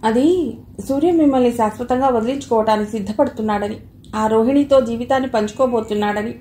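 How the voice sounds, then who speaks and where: A woman reading the part of a sly male colleague who speaks slowly with feigned sympathy. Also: fairly high pitch, warm tone, roomy sound, a little hiss or hum, lightly acted.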